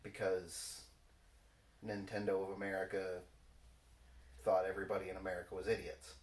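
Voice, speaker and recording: A rather low-pitched male voice in relaxed question-and-answer conversation, picked up from a distance. He rambles informally, stopping and starting as he goes, with noticeable room echo. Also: normal speed. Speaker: co-host of a casual Q&A video. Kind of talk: casual Q&A chat. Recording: roomy echo, distant microphone.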